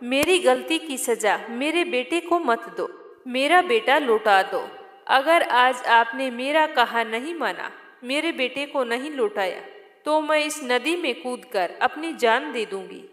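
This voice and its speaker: A woman's voice: high-pitched, expressive, a little slow, a bit bright. A woman voicing a grieving old mother's plea. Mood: anguished pleading. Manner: desperate, tearful pleading. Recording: echoey room with long reverb.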